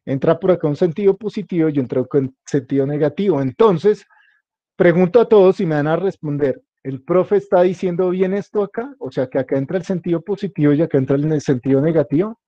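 A male teacher with a voice on the high side runs an informal class at a brisk pace, repeating points, joking around, and constantly asking students if they follow. The recording is dry and lo-fi.

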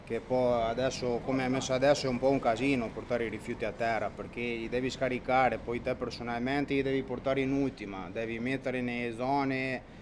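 A man's voice: mid-range voice, steady tone, a little fast. A man, a fisherman in a casual interview, complaining with exasperation. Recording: outdoors with clear background noise.

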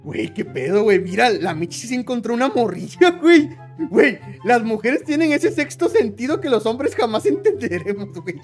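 A woman with a Mexican accent giving excitable, joking gameplay commentary, dropping slang constantly. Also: on the high side, moderate pace, soft background music. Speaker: gaming YouTuber.

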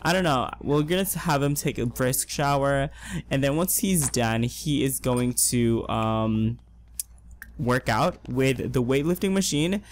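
A hoarse young man chatting excitedly through casual gameplay commentary as a let's play host. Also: medium pitch, unhurried, a little hiss or hum. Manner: chatty and excitable, gushing with slang. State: hoarse, losing his voice.

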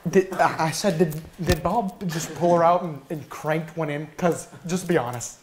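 A man's voice: a little high, normal speed, background noise. A man in his twenties making a prank complaint call, stammering and repeating himself hesitantly. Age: 20s. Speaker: prank caller. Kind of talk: prank phone call posing as a complaining customer. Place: small indoor office room.

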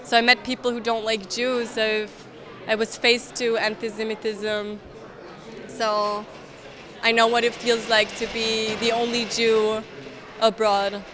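A woman in her twenties from Austria, speaking English with an Austrian accent, answering interview questions in an earnest, measured way with hesitant restarts. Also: on the high side, flat delivery, a crowd in the background. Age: 20s. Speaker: interviewee, soldier. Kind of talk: event interview. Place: indoor event hall, crowded.

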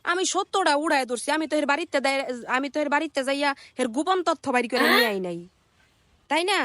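A content creator with a colloquial Bangladeshi Bengali accent rants sarcastically in a scolding reaction video recorded on a phone. Her voice sits high and fairly bright, and she talks quickly with no echo.

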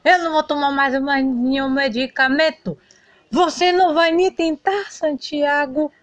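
A woman's voice: high-pitched, steady tone, a little slow, no room sound, voice pushed up. A woman voicing an ill young man in a doll soap-opera parody, bitter and short-tempered, snapping orders. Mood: furious.

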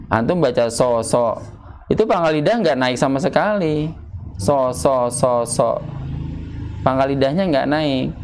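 A man's voice: medium pitch, darkish tone. Male tajwid teacher, patient, drills syllables; home room, faint background noise. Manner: patient, demonstrates letter sounds by repeating syllables. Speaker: Quran recitation teacher. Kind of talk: tajwid lesson at a home study circle.

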